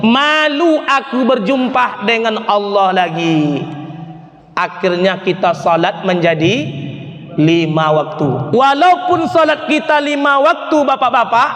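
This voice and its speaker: A man preaching a lively sermon to a congregation, theatrical and acting out scenes, often asking the listeners questions. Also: extremely high pitch, slow pace. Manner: theatrical, asks the audience questions, acts out scenes. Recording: echoey hall with long reverb.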